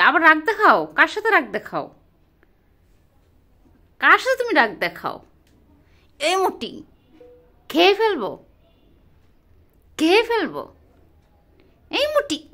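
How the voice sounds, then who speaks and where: A woman's voice: sits high, pushed and bright. A woman talking to her pet rabbit at home in a casual vlog, half scolding and half teasing it in playful baby talk. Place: home bedroom.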